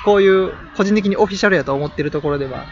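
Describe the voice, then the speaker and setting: Fast-talking man, lo-fi chat. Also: high-pitched. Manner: animated storytelling with laughs. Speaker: podcast co-host. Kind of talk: casual music chat.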